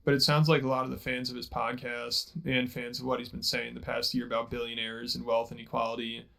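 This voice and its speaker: Host voice, gravelly and monotone, matter-of-fact narration. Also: male voice, mid-range voice, brisk, rough recording. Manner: matter-of-fact, reads out viewer comments. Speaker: channel host. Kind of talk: scripted video narration.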